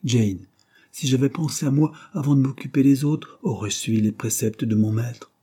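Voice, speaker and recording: A man voicing a kindly, selfless aging pastor who speaks earnestly and insists gently. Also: mid-range voice, normal speed, slightly rough, pitched above the performer's own voice, lightly acted.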